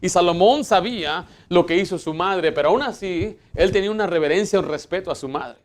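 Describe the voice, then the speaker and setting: A pastor with a slightly high voice preaches a church sermon fairly quickly, emphatically hammering his points and rising for Bible quotes. He drops into hushed asides, uses fillers, and often restarts his sentences.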